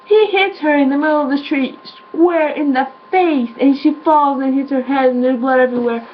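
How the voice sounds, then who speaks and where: A woman's voice: high voice, moderate pace, dull audio, a little hiss or hum. A woman reviewing a film in a casual vlog, blunt and exasperated, swearing as she rants.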